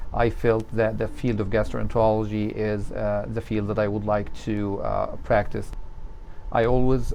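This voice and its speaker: Halting man, gravelly voice. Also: fairly low pitch, a little hiss or hum. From Egypt. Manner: halting, many uh and um fillers. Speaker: gastroenterologist. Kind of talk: unscripted self-introduction.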